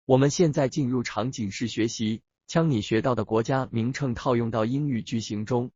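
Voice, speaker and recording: A man giving quick, matter-of-fact translations in a language lesson. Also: medium pitch, darkish tone, husky, no echo, highs cut off.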